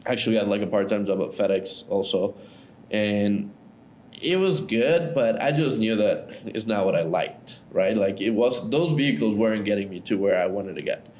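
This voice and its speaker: Guesting on a podcast, an Ecuadorian man in his thirties shares his story casually, peppering it with "like" and "right?". He speaks at a normal speed in a voice on the low side, with slight background noise.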